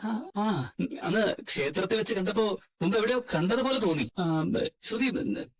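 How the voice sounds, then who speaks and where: A man's voice: high-pitched, expressive, a little fast. A man voicing a hesitant, stammering young man in a fan-dubbed drama.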